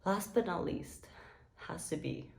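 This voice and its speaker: A woman's voice: lowish voice, a little slow, gravelly, darkish tone. A young woman from Dubai chatting to camera in a casual vlog, gushing and nostalgic, full of "like" and "you guys". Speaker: vlogger.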